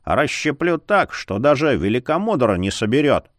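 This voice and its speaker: A man's voice: medium pitch, very animated, dry recording, clean studio sound, natural voice. Man doing a stern old librarian woman. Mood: scornful. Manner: scolding, haughty, slow and emphatic. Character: stern, sharp-tongued old female librarian, grey-haired.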